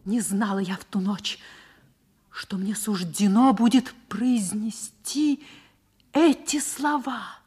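A woman's voice: mid-range voice, slow, a little mellow, slightly rough. An actress playing an anguished, defiant woman telling her story in a theatrical old Soviet radio drama style of the 1960s. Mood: grim resolve. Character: anguished, defiant woman recounting her forced marriage at fifteen. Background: music.

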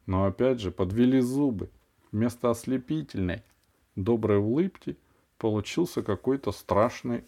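A man's voice: fairly low pitch, darkish tone. A man reading a first-person children's story aloud, expressively, as an audiobook narrator.

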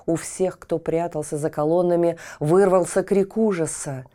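A woman narrating a fairy tale for a children's audiobook in a gentle, unhurried way. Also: on the low side, steady tone. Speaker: storyteller.

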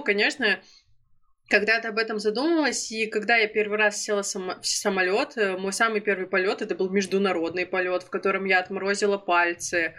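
With a medium-pitched voice that sounds pushed and bright, a Russian woman in her twenties tells a travel story from her own life in a laid-back vlog. She's a chatty storyteller, quick to use fillers and correct herself, and she laughs every so often.

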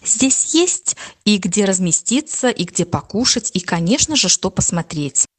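A woman's voice: medium pitch, sing-song, measured pace, slightly rough. A woman working as a tourism manager, explaining things informally as an interviewee. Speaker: tourism manager at a nature reserve.

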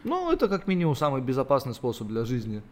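A man in his late twenties talks as an interview guest, rambling through his explanations with lots of filler words. His voice sits at an ordinary middle pitch for a man. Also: huge pitch swings, fast talker, a crowd in the background. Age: late 20s. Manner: explains at length with many fillers. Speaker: podcast guest, jiu-jitsu athlete. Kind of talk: casual interview talk.

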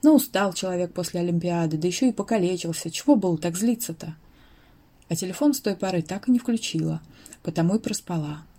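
A woman narrating a first-person story as an audiobook. Her voice sits low and sounds warm and mellow, with expressive storytelling. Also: quick pace.

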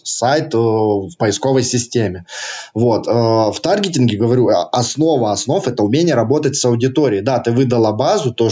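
A man's voice: mid-range voice, darkish tone, muffled recording. A man with a slight lisp and slushy sibilants chats casually in an interview, using slangy, joking, colloquial phrasing. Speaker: targeted-ads specialist, interview guest.

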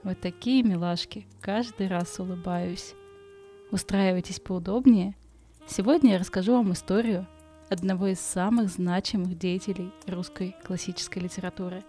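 A woman podcast host tells a bedtime story in a chatty, colloquial way, adding asides, with background music behind her. She has a burred, non-rolled r from a speech impediment. Her medium-pitched, dark voice stays fairly even at a moderate pace.

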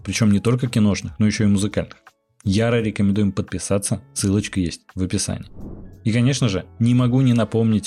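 A fairly low-pitched man hosts a film podcast in a friendly, chatty way. Light music plays faintly underneath his voice. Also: dark tone. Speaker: podcast host. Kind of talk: announcement then casual chat.

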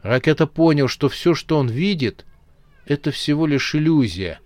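Man reading a horror audiobook, animated voice, very dry close sound. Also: on the high side, moderate pace, dry recording. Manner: expressive storytelling. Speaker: narrator. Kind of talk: audiobook narration of a horror novel.

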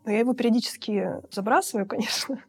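Woman in her 50s, guest on a talk show, chatty and upbeat, husky warm voice. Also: fairly high pitch, fast. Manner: lively, chatty storyteller who laughs easily. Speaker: guest, outsourced finance director. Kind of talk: casual interview talk.

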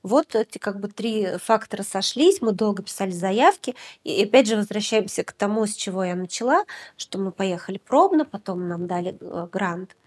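A woman from Yakutia answers interview questions about her documentary work. Her pitch sits in a middle range, and she speaks thoughtfully, pausing often with filler sounds as she gathers her words. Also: animated, slightly rough. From Yakutia, Russia. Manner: reflective, hesitant, many filler sounds. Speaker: documentary film director. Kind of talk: conversational podcast interview.

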